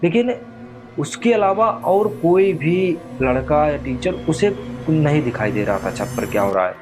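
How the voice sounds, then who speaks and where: A man's voice: a little high, expressive, unhurried. Man telling a ghost story over music. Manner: loose, conversational, with frequent filler phrases. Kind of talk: casual spoken horror storytelling. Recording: clear music bed under the voice. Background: background music.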